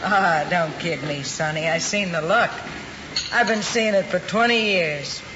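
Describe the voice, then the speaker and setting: In a muffled, noisy old mid-century American TV drama, a male actor with an American accent and a high voice plays a world-weary, plain-spoken older lunch counter worker. He sounds knowing and blunt, with a folksy, unhurried working-class way of talking.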